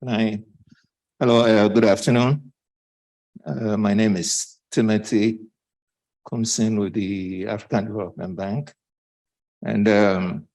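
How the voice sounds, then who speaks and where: Slow, breathless man on a conference panel. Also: fairly low pitch, darkish tone, rough recording. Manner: slow, halting with many fillers. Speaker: panelist from a development bank.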